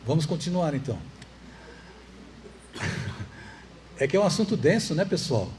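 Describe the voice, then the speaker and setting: Brazilian man lecturing with a slightly high voice. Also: sing-song, normal speed, darkish tone. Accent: Brazilian Portuguese. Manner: conversational, asks the audience rhetorical questions, jokes to lighten a heavy subject. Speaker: lecturer at a spiritist center. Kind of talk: public lecture to a live audience. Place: meeting hall of a spiritist center.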